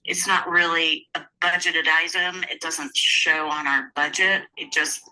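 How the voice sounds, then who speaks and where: A woman heard over a speakerphone, explaining figures in a quick, plain-spoken, matter-of-fact way. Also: low-pitched, steady tone, pushed and bright, poor audio. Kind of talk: casual explanation on a call.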